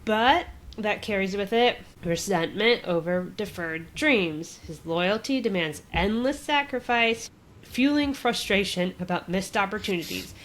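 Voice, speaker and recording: A woman's voice: medium pitch, lively intonation, unhurried, a bit bright. Brief: a casual podcast co-host, a woman with a mid-range voice, rambling and laughing through a retelling. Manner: chatty retelling, peppered with "like" and laughs. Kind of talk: casual chat.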